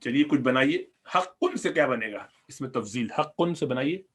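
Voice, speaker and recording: A man with a Pakistani Urdu accent teaches Arabic grammar in a recorded lesson, his voice animated, husky, a bit bright, and medium in pitch. Patient in his explanations, he says words over slowly and directs questions at the class.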